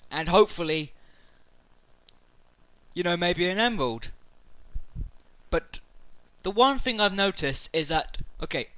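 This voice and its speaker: A man talking excitedly to camera about a video game, rambling through his theories with many fillers and restarts. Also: high-pitched, clear, resonant tone, no echo, poor audio. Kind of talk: casual speculative chat to camera.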